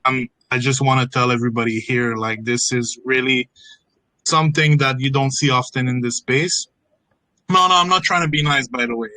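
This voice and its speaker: Bright, dry-voiced man hosting. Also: mid-range voice, no echo, poor audio. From Morocco. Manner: enthusiastic, repeats words, jokes. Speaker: AMA host. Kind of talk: online AMA interview.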